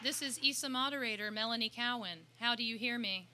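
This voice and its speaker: A woman's voice: on the high side, brisk. A woman moderating a live event in a formal, orderly way. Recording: clearly noisy link.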